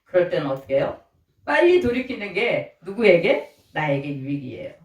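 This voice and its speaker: A man's voice: sits high, very animated, moderate pace. A man preaching a sermon as pastor, often putting rhetorical questions to the congregation. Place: church sanctuary. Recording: roomy, distant, dull-sounding church recording.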